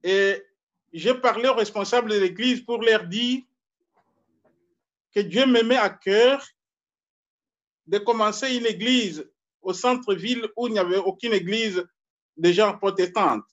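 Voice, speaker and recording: A man from Congo, a pastor preaching a sermon slowly and deliberately, repeating his key phrases. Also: sits high, a bit bright, lo-fi sound.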